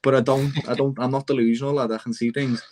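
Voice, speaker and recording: A man's voice: mid-range voice, fast, crowd noise. A young man with a Liverpool accent, passionately arguing in a casual football debate and calling everyone "lad". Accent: Liverpool (Scouse). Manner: passionate, repeatedly says "lad", animated. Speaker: Liverpool fan panelist on football podcast.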